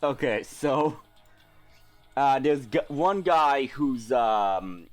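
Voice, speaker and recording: A man's voice: medium pitch, expressive, drawn-out words, soft background music. A man playing a tabletop role-playing game, chatting casually as he describes his moves.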